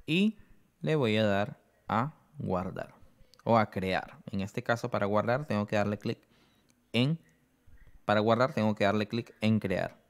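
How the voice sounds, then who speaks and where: Man walking through an app step by step. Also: on the low side. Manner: explains slowly, often adds "¿no?". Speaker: app tutorial presenter. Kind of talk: step-by-step how-to explanation.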